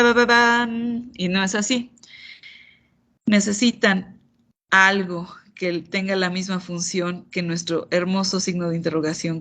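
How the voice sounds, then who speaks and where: Gravelly-voiced woman teaching grammar online. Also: mid-range voice, fairly bright tone. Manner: patient, explanatory, playful asides. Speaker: English teacher.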